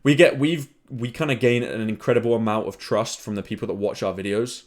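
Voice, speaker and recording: A young man talks loosely in an everyday chat, his voice sitting a little low. He rambles, restarts and leans on fillers as he thinks aloud about making videos. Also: steady tone, a little fast. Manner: rambling, filler-heavy, lots of "like". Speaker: content creator. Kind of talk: casual chat.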